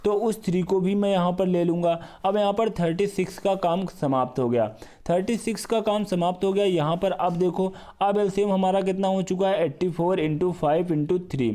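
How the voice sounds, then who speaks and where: Male math tutor, slightly high, mellow voice; repeats steps, coaching tone for an exam-prep lesson. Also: moderate pace. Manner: repetitive, step-by-step explaining, addresses viewers as brother. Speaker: math teacher.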